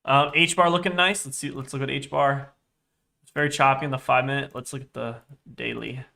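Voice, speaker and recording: A young man's mid-range, gravelly voice comes across sharp and congested, with fairly even intonation and a brisk pace. Chatting casually on a live trading stream, he reads chat aloud, rambles, and corrects himself.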